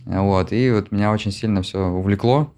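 A man in his forties from Russia, an interview guest who answers reflectively with many pauses and filler sounds. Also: fairly low pitch, a little mellow. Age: 40s. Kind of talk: casual conversation.

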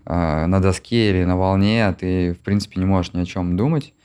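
A man in his forties from Russia, an interview guest who answers reflectively with many pauses and filler sounds. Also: low voice, a little mellow, clean tone. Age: 40s. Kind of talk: casual conversation.

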